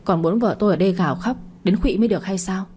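A woman's voice: medium pitch, very fast, mellow, slightly rough, lightly acted. A woman voicing a scheming, greedy middle-aged husband who blusters and gets defensive, in a storybook narration. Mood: blustering.

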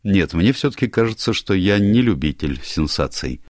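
A man voicing a stiff, old-fashioned gentleman captain in an audiobook, prim and hesitant. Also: deep voice, sing-song, moderate pace, no room sound, clean studio sound, voice pushed up. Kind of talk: audiobook character voice.

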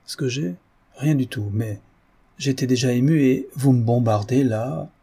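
A man's voice: medium pitch, measured pace, vocal fry, mellow, slightly rough, pitched above the performer's own voice. A man playing a tormented, guilt-ridden painter. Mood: overjoyed. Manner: anguished, bitter self-reproach. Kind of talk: audiobook character reading.

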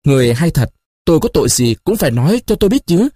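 A man voicing a young wife, indignant and defiant, with a shrill, sharp, stubborn way of talking in a story reading. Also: big pitch swings, fast talker, no room sound.

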